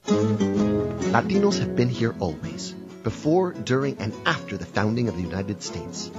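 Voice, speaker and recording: A man's voice: fairly low pitch, big pitch swings. Man reading a radio ad, taped off the air. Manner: measured, declarative delivery in short phrases. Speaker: announcer. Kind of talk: scripted public service ad read. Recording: dull radio broadcast with music under it.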